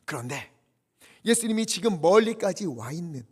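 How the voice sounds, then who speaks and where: A male pastor preaching a dramatic sermon, swinging between loud urgent appeals and hushed near-whispers. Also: high-pitched, very animated, normal speed, slightly rough. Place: church sanctuary. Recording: long church hall reverb.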